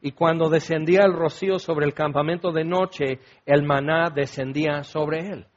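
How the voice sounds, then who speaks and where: A man's voice: a little high, steady tone, moderate pace, muffled recording. A male preacher giving a sermon in a conversational way, with joking asides to the listener.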